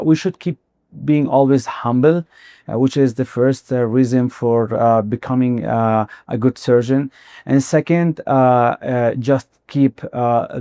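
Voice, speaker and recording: A man's voice: medium pitch, mellow, dry recording, studio quality. A middle-aged man, a guest surgeon in a podcast interview, speaking earnestly with many fillers and restarts. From Spain.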